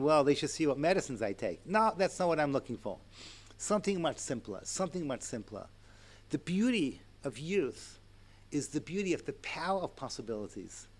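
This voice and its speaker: Man in his sixties, Torah lecture, animated asides, fairly high-pitched. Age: 60s. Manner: animated, chatty, with asides and chuckles. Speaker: rabbi and lecturer.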